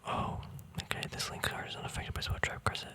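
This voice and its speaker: Whispering in a hush throughout, like an ASMR video, a man shows off a trading card deck and rambles casually, a little fast. He muses and hesitates, often letting a thought trail off before picking up the next one.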